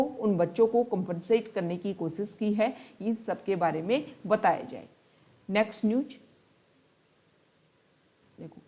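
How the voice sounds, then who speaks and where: A woman's voice: mid-range voice, mellow. Woman tutor explaining newspaper stories. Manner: reads English passages slowly, then explains in Hindi; explanatory, repeats and rephrases points. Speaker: exam-prep tutor. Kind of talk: newspaper analysis lesson.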